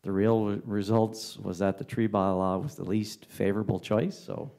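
Male councillor, dark, mellow timbre, halting report full of fillers. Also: fairly low pitch, gravelly. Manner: halting, with many fillers and restarts. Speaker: town councillor giving a report. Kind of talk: formal council report with ad-libbed remarks. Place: council chamber.

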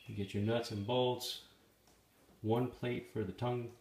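A DIY video maker narrates a build step by step, filmed on a handheld phone camera in a garage or shop and outdoors by a trailer. His mid-range voice is slow, gravelly and darkish, with little pitch movement. He's plain and matter-of-fact, halting with fillers as he assembles.

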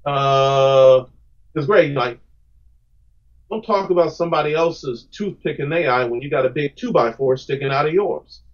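A man's voice: fairly high pitch, moderate pace. A man guest on a podcast, talking in an earnest, reflective, rambling way with restarts. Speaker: podcast guest, comic creator. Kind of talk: casual podcast conversation. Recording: muffled lo-fi audio.

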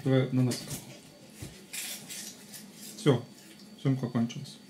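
A man's voice: medium pitch, flat delivery, slow, warm tone. A man chatting casually to his pet as its owner, recorded on a camera in a small kitchen. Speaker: dog owner. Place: small home kitchen, indoors. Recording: noisy, clicky home camera audio.

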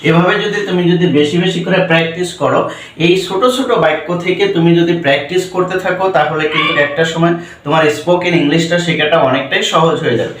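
Male English teacher, Bengali accent, fairly high voice, roomy echo, mic set back. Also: fast, a bit bright, recorded from a distance, slight background noise. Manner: spells words letter by letter, asks and answers his own questions. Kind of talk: spoken English lesson.

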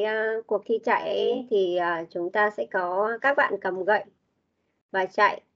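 A Vietnamese-accented woman leads an online English class at an unhurried pace. Her voice sits a little high and comes through a dull, low-fidelity call line. She switches between Vietnamese and English to correct pronunciation. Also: a bit bright. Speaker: English teacher.

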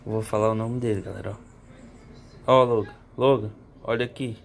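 A man filming his dog at home on a phone, talking low to viewers and calling out in a high, cooing baby-talk voice. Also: fairly even intonation, moderate pace, gravelly. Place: home, indoors.

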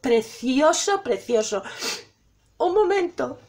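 A woman's voice: high voice, expressive, takes it slowly, a little mellow, a little hiss or hum. A middle-aged woman from Spain, gushing and emotional as she opens gifts from viewers at home, exclaiming over each one. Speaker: vlogger opening viewer gifts. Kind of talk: excited unboxing chat.

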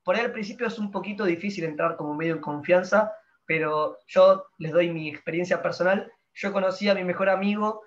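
A young man speaking warmly and earnestly about friendship on a video call, trailing off softly. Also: sits high, brisk, lo-fi sound. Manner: warm, heartfelt, trailing off at the end. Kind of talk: casual testimony on a video call.

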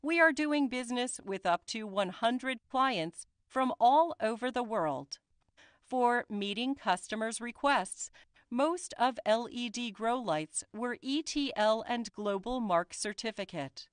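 A woman reads a scripted corporate voice-over at a very slow, deliberate pace. Her voice sits a little high and comes across smooth and clear. The recording is close and dry, with no room sound. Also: lively intonation, no room sound. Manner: slow, careful, deliberate reading. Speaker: company spokesperson.

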